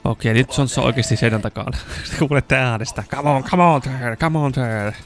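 Excitable Finnish man gaming. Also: mid-range voice, faint music behind. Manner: excitable, swears and yells when in danger. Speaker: gaming YouTuber. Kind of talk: casual let's-play commentary.

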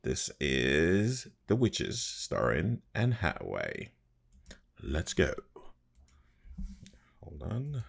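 A man in his thirties giving casual, musing reaction commentary in a halting way, recorded on a desk mic at home. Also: a bass voice, huge pitch swings, creaky, husky. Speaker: reaction video host. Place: small room at home, indoors.

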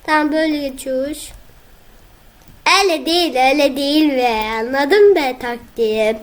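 A young woman, casually commenting on her own gameplay, excitable and whiny when frustrated. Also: sits high, normal speed. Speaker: gaming video host.

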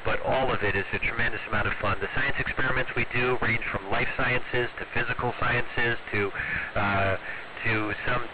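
A man who is an astronaut, answering students calmly over a radio transmission with static bursts and closing each answer with radio procedure words. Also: medium pitch, moderate pace. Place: space station.

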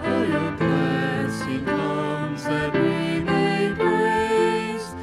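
A woman's voice: medium pitch, big pitch swings, over loud music. A woman singing a worship hymn in church, holding long sustained phrases. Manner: slow, sustained sung phrases. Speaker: worship singer. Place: church sanctuary.

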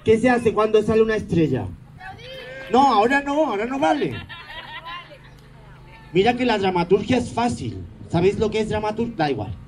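A man's voice: sits high, big pitch swings, moderate pace, pauses often, some chatter behind, low-quality recording. A man doing stage comedy, teasing the audience in a sarcastic, mock-grumpy way.

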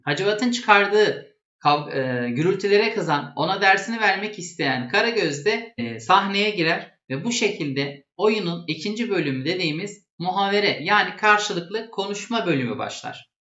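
Casting: male lesson presenter, high-pitched voice, didactic and plain, echoey room. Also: expressive, normal speed, pushed and bright. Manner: didactic, restating terms plainly. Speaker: presenter explaining traditional theatre. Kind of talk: explanatory lesson. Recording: echoey, dull lo-fi sound.

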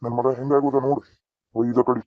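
A man's voice: mid-range voice, level tone, fairly quick, dry recording, lightly acted. A man voicing a bitter, scolding older mother-in-law with a North Karnataka accent in a cartoon. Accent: North Karnataka Kannada. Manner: scolding, taunting. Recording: dry, dull lo-fi sound.

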